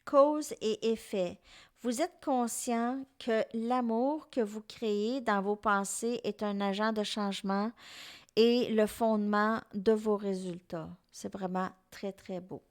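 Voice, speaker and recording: A middle-aged woman with a Québécois French accent, giving a tarot reading to her viewers in an unhurried, musing way and speaking straight to them. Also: mid-range voice, fairly even intonation, smooth. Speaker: tarot reader.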